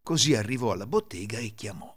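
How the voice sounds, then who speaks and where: A man hosting a podcast and narrating folk fairy tales in an expressive, lilting storytelling manner. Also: lowish voice, quick pace. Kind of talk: scripted fairy-tale narration.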